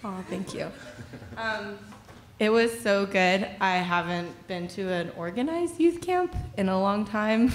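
A young woman tells a casual, bubbly testimony from a church stage. She laughs often and fills her talk with easy fillers. Her voice sits at an ordinary middle pitch. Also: lively intonation, measured pace, a little hiss or hum. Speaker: youth leader sharing at church. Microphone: stand mic.

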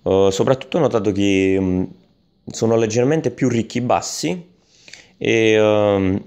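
A man's voice: sits low, a little mellow. A man giving an unscripted product review voice-over, hesitant, with many fillers and restarts.

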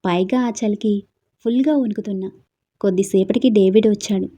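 Woman, story narration, dark tone, husky, soft and subdued. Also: medium pitch, moderate pace. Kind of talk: first-person story narration.

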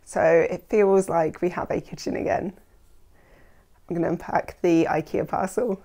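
On a casual renovation vlog, a woman in her thirties narrates enthusiastically in a lowish, mellow voice with steady tone and normal speed. She is chatty and says "um" a lot. She was recorded on a lapel mic indoors in her house under renovation.

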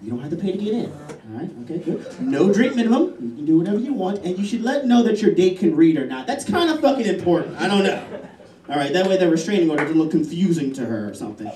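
A young man doing a crude stand-up set, swinging from loud outbursts to muttered asides, with a Louisiana accent. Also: sits high, very animated, fast, slight background noise. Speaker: stand-up comedian. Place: comedy club stage. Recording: echoey club, mic from a distance.

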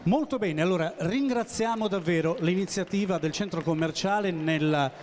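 A man's voice: high voice, normal speed, darkish tone. A man hosting a live quiz, announcing with suspense and giving short projected commands. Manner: Italian quiz host, announcing and building suspense; projecting, directing children with repeated short commands. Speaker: quiz show host. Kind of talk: live event hosting to children and audience. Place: busy indoor shopping centre atrium. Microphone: handheld microphone. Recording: live PA with music and crowd noise.

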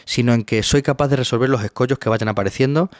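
A man's voice: mid-range voice, quick pace, no room sound, studio quality. A man, a psychologist guest, explaining a topic patiently in a webinar and often checking in with his listener.

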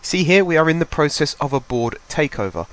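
A young man hosting a gaming channel has a head cold and sounds congested as he casually commentates his own game at a home desk mic, rambling and thinking aloud. His voice is a little high and fairly bright, with lively intonation and a fairly quick pace.

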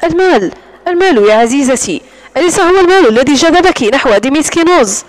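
A domineering wealthy man who sneers and taunts, voiced by a woman narrating an audiobook. He speaks coldly and controllingly, and the voice stays quite high. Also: animated, quick pace, poor audio. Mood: mocking. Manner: mocking, cold and controlling.

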